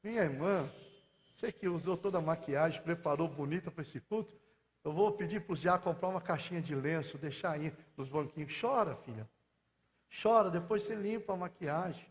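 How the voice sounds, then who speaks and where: A man with a Brazilian Portuguese accent preaching a sermon as pastor, fervent, moving between soft intimate asides and loud shouted passages. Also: on the high side, fairly quick. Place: large church hall. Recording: long church hall reverb.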